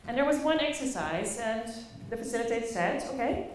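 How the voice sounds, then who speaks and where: Speaking to a live audience in a highly reverberant conference room, a play facilitator from the Netherlands shares personal stories in a Dutch accent. Her voice is on the high side, animated and expressive, punctuated by dramatic pauses, with slight noise in the background.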